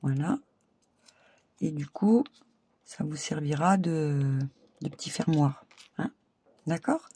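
A woman's voice: low-pitched, expressive, slow, pauses often, warm tone, husky, no echo. A woman hosting a casual crafting tutorial, chatting and narrating her steps as she works. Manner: chatty, talks while working, many fillers. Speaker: crafting video host.

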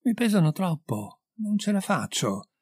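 A man's voice: sits high, big pitch swings, unhurried, a little mellow, breathy edge, no room sound, voice pushed up, exaggerated voice. A man voicing a frightened young farm girl who whimpers timidly, in a story reading. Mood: whimpering.

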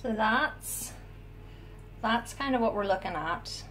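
Woman, middle-aged, home baking vlogger; bright tone, unhurried, self-deprecating, phone recording in a roomy kitchen with faint background hum. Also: on the high side, animated. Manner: self-deprecating, halting with frequent ums. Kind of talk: casual kitchen vlog. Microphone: phone camera.

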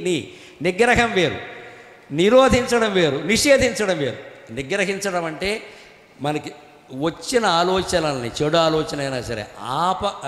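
Lively high-voiced man giving a discourse in a hall. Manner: animated, teasing, chants Sanskrit verses. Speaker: spiritual lecturer. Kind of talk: Telugu religious discourse. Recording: echoey hall.

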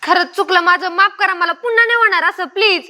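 A pleading village wife. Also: female voice, very high-pitched, fast, sharp tone, exaggerated voice. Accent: rural Maharashtra. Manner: pleading, tearful. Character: remorseful young village wife caught cheating. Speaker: actor. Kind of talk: rural Marathi short-film acting.

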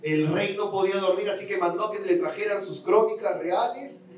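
A man's voice: high voice, moderate pace, slight background noise. A male pastor preaching a sermon, retelling a Bible story with acted voices and asking his congregation rhetorical questions with emphatic repetition. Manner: storytelling, acts out voices of the king and Haman. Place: large church sanctuary. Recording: roomy church sound from a distance.

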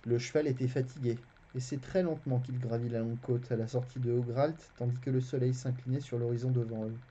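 A streamer narrating a fantasy novel aloud on a live stream, in an animated, expressive telling. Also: mid-range voice, a little fast, slight background noise. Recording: dull, lo-fi stream audio.

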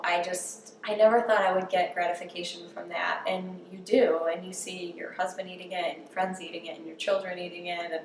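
A woman in her thirties with a fairly low, creaky voice talks openly and self-deprecatingly about learning to cook. She's being casually interviewed as she cooks in her home kitchen, captured by a distant camera mic. The audio is roomy with a faint background hum.

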